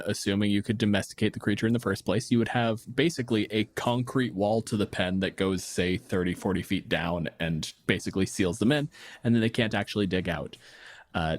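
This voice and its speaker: A man hosting a podcast answers listener questions in a casual chat, riffing on game monsters with dry bluntness and plenty of swearing. His pitch is fairly low, and there's no room sound.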